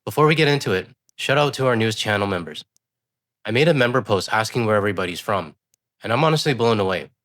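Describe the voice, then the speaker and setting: Man, congested, quick pace, lowish voice, direct commentary host. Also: expressive, fairly bright tone. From West Coast of Canada. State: congested from a cold. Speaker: news commentary channel host. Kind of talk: casual commentary.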